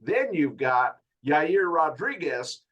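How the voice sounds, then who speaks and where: A man hosting a casual fight podcast, talking through the matchup in a measured, laid-back way with many pauses. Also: fairly high pitch, sing-song, muffled recording. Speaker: podcast host. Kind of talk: casual MMA podcast analysis.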